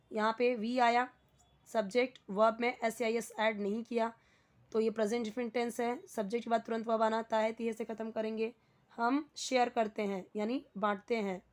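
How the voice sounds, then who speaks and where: A young adult woman teaching English grammar, who reads English sentences slowly and then explains each word in Hindi. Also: a little high, a little mellow.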